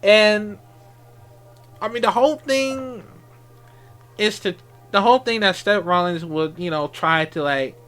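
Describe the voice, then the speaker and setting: A man giving a casual off-the-cuff wrestling recap as a fan, halting and repetitive, with slangy exclamations. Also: sits high, a bit bright, clear, resonant tone, soft background music.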